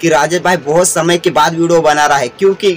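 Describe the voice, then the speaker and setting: A young man from India vlogging casually, talking rapidly with many repeats and restarts. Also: a little high, fairly even intonation, slight background noise. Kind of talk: casual vlog talk to camera.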